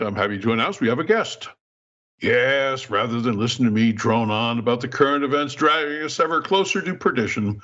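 Low-voiced older man hosting, dull audio. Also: a bit bright. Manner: florid, tongue-in-cheek wording. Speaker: podcast host. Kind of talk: wry conversational hosting.

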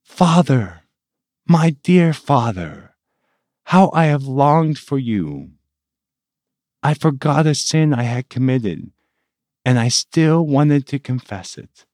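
Gentle teenage boy, read by a man, storybook, slow and dry-sounding. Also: medium pitch, big pitch swings, dry recording, voice pushed up. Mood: joyful. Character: young teenage boy, sick, gentle and devout.

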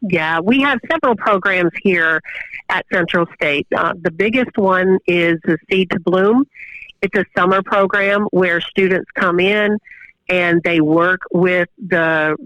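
A woman professor answering interview questions over the phone, explaining at length with pauses and fillers. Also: on the low side, fairly bright tone, no room sound. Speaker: guest professor of exercise science. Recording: dull, muffled phone line.

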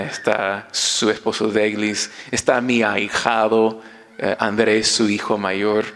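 A man's voice: medium pitch, fairly bright tone. A male priest preaching a sermon. He halts and restarts often, then builds to fervent preaching. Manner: halting with many restarts, rising to fervent preaching. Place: church. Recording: long church reverb.

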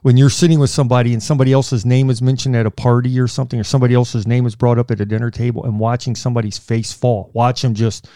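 A man's voice: medium pitch, level tone, fast talker, hardly any pauses, dark tone, no room sound, clean studio sound. A middle-aged man co-hosting a faith podcast, chatting casually, often laughing and repeating his words. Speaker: podcast co-host.

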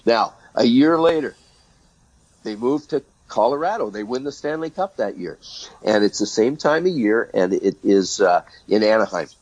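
A man's voice: on the low side, expressive, normal speed, darkish tone, no room sound, muffled recording. An older man, a retired hockey referee, telling a story as a guest in an interview and acting out the exchanges.

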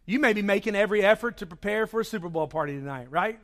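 A man's voice: sits high, expressive, quick pace, fairly bright tone. A man preaching a conversational sermon to his congregation, acting out everyday inner voices. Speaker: pastor.

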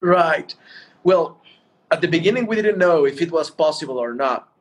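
Higher-pitched man, halting. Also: expressive, breathy edge. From Mexico. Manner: halting, repeats words. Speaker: interview guest, entrepreneur. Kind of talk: explanatory interview talk.

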